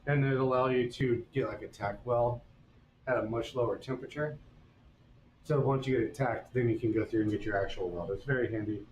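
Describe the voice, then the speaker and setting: A man's voice: mid-range voice, fairly even intonation, brisk, reverberant, muffled recording, a little hiss or hum. A man teaching blacksmithing on a live stream, explaining each step in a folksy, casual way. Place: forge workshop.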